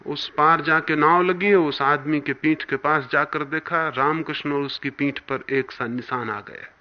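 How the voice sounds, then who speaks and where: Male spiritual teacher, high voice, emphatic sermon delivery, dull archival sound. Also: a little slow. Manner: emphatic, swinging between forceful rises and hushed drops. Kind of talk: spiritual discourse. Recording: dull lo-fi archival talk recording.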